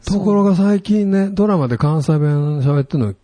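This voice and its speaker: A man's voice: a little high, animated, mellow, no echo, faint music behind. A man with a Kansai accent chatting casually and telling stories in an easygoing way. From Kansai, Japan. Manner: easygoing storytelling, drawn-out sentence endings. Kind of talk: casual chat.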